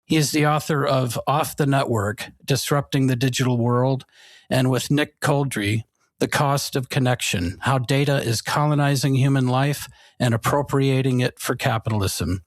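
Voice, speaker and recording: Male announcer, scripted podcast intro, formal and even, mid pitch, dry close mic. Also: normal speed, no room sound. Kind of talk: scripted narration.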